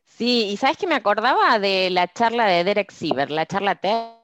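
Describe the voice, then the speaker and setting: A woman's voice: medium pitch, normal speed. Chatty Argentine woman hosting a podcast. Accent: Argentine Spanish. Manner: lively storytelling, chatty anecdotes. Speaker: podcast host. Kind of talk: casual podcast conversation.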